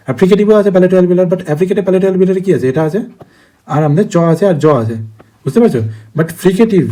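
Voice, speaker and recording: A man's voice: high voice, mellow, low-quality recording. A man teaching an online phonetics lesson, drilling terms over and over and asking students if they understand. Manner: rapid, repetitive drilling with frequent check-in questions.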